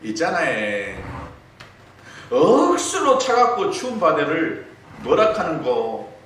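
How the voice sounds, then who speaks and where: A man's voice: fairly high pitch, wildly swooping pitch, slow, a bit bright, voice pushed up, heavily acted. A man doing a coy Gyeongsang bride. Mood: coy, teasing. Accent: Gyeongsang dialect. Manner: sing-song, exaggerated cooing. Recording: echoey hall, distant mic, faint noise.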